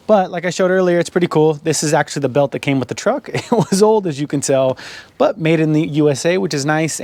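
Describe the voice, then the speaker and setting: A man's voice: fairly high pitch, darkish tone. A man chatting casually while working on a truck in his garage, laughing often and a bit out of breath. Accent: Californian English. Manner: chatty, laughs often, calls viewers guys. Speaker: garage vlogger. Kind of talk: casual how-to narration. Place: home garage.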